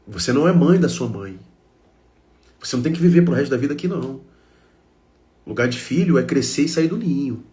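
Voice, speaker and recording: A man's voice: mid-range voice, animated, a little fast, pauses often, dark tone. A man with a Brazilian Portuguese accent giving an emotional self-help talk, speaking emphatically to his listeners in short repeated phrases.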